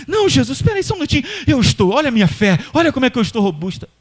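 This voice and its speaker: A man voicing an overeager woman who boasts of her faith and gets flustered, speaking in a shrill, gushing way. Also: big pitch swings, very fast, full character voice. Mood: protesting. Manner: shrill, gushing, breathless protesting.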